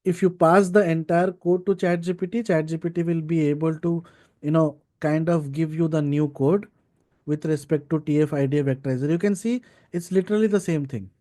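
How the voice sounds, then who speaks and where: This data science instructor leads an informal live coding class, walking through each step and checking in with quick tags like "right" and "okay." His voice is fairly high, warm and steady, and he talks a little fast.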